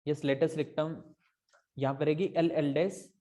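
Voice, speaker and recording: A man's voice: fairly high pitch, fairly even intonation, normal speed, warm tone. A male math tutor explaining step by step in a casual tutoring lesson, often checking whether his students follow and mixing in English math terms.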